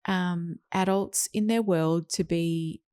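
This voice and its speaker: A woman explaining parenting in a gentle, earnest conversational way as an interview guest, sometimes voicing short quotes of parents and children. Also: fairly low pitch, steady tone, takes it slowly, smooth, dry recording, studio quality. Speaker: podcast guest, parenting educator.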